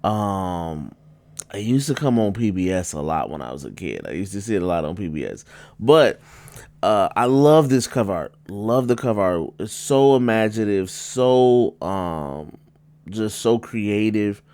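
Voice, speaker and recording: A man giving a casual spoken album review, rambling with many fillers and restarts, and jumping up in pitch for emphasis. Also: animated, unhurried, darkish tone, smooth, dry recording.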